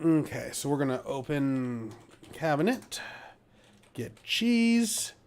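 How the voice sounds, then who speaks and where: A man's voice: on the high side, animated, unhurried, a little hiss or hum. A man hosting a casual game playthrough, reading the game text aloud, with loose fillers and the odd mild swear. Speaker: let's play host. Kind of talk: casual gameplay commentary.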